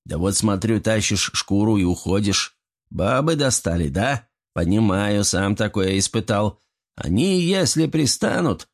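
A man voicing a small, rude male gremlin with a shrill, cheeky voice. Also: expressive, measured pace. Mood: mocking.

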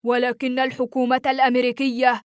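A woman's voice: high-pitched, completely flat delivery, a little fast, smooth, no room sound, close to an everyday voice. A woman voicing a huge, breathless male soldier who argues his point urgently. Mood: urgent reasoning. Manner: urgent, reasoning.

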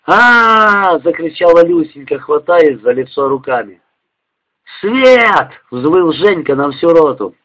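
A man reading a novel aloud as an audiobook narrator, in a measured, steady manner. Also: a little high, slightly rough. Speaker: audiobook reader. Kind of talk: scripted literary narration. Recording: dull homemade lo-fi audiobook recording.

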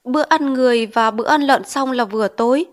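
A woman's voice: sits high, a little fast, voice pushed up, natural voice. A woman voicing a poor, timid schoolboy in an audiobook, answering meekly and politely. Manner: meek, polite address. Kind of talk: audiobook character reading.

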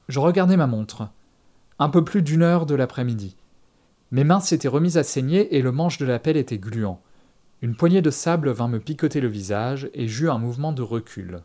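A man reading a story aloud in the first person, with measured, steady audiobook narration. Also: mid-range voice.

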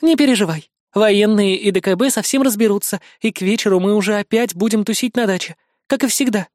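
A gentle, reassuring young woman who teases softly, played by a man reading an audiobook. The recording is close and dry. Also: high-pitched, brisk, no echo, lightly acted. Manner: gentle, teasing.

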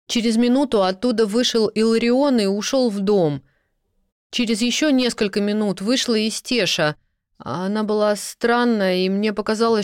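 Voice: medium pitch, no echo, clean studio sound, close to an everyday voice. A reader voicing a frightened young serving girl who pleads and sobs as she talks. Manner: pleading, sobbing, breathless.

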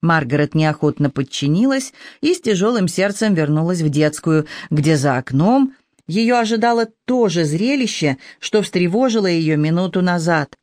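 Measured audiobook narrator, mid-pitched, dry close sound. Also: animated, a little mellow, no room sound. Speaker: audiobook reader.

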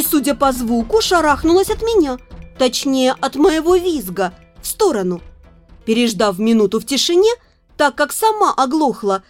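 Lively, high-voiced woman narrating a story. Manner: expressive, acts out the heroine's lines. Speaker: audiobook narrator. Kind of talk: scripted first-person narration.

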